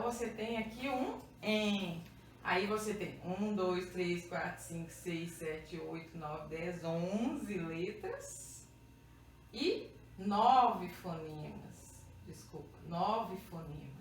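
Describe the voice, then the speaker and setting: Slow Brazilian teacher in an echoey room. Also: female voice, medium pitch, animated. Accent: Brazilian Portuguese. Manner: checks in with "tá?" and "ó", counts letters aloud slowly. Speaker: Portuguese teacher. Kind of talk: whiteboard grammar lesson. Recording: roomy echo, mic far off, faint hum.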